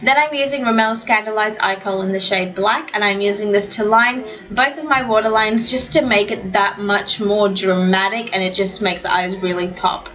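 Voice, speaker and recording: A woman's voice: medium pitch, fairly even intonation, moderate pace, few pauses, a bit bright, lo-fi sound. A young woman, talking through a makeup tutorial in a chatty voiceover and now and then getting tongue-tied. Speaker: beauty vlogger. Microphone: home voiceover mic.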